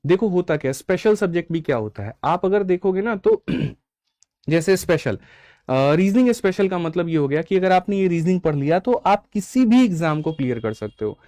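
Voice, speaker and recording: Dry-voiced teacher pitching exam batches. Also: male voice, lively intonation, moderate pace, dark tone, dry recording. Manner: addresses students as brother, frequent "theek hai". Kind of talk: online class sales pitch and lesson.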